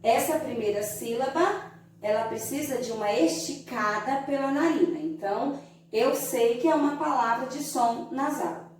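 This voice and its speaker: A Brazilian woman teacher giving a slow, didactic lesson to young children, stretching out syllables to show how they sound. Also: high-pitched, a little mellow, distant mic, a little hiss or hum. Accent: Brazilian Portuguese. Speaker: primary school teacher. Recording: very echoey room, voice from away from the mic.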